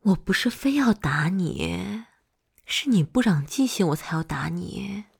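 A woman playing a breathy, hot-tempered older girlfriend, in whispered role-play. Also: fairly low pitch, lively intonation, a little slow, exaggerated voice. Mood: coaxing. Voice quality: very breathy, husky. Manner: swears freely, swings from scolding to coaxing.

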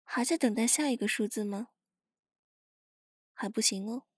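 A woman voicing a teasing, contemptuous, dominant young woman in an adult ASMR role-play, breathy and husky, murmuring right into the listener's ear. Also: a little high, normal speed, no echo, studio quality. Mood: mocking, commanding. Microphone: very close, dry microphone.

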